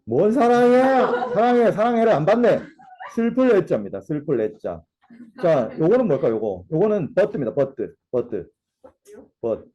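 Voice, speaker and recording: A teacher lecturing on poetry to a class in an academy classroom, playful and theatrical, drilling key terms again and again. The voice swings widely in pitch and has a dark, husky tone. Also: big pitch swings, moderate pace. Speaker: Korean literature teacher. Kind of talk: classroom lecture with comic role-play.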